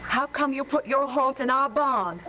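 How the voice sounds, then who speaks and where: In a hissy old 1950s radio drama broadcast, an actress plays a shy, wary young ranch girl and speaks hesitantly. Her high-pitched voice is bright and forceful at a moderate pace.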